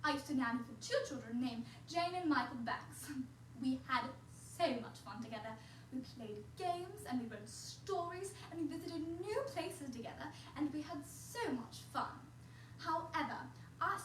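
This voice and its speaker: This in-character video for kids features a young woman as a cheerful, prim nanny who encourages unseen children in a lilting, sing-song way. Her voice is high. The mic is distant, so the sound is roomy, with a little hiss or hum.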